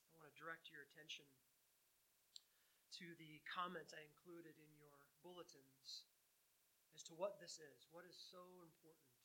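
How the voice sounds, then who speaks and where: A man's voice: fairly high pitch, fairly even intonation, normal speed, pushed and bright, a little hiss or hum, low-quality recording. A man preaching a sermon to his congregation in a conversational way, asking rhetorical questions and reading scripture aloud. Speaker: pastor.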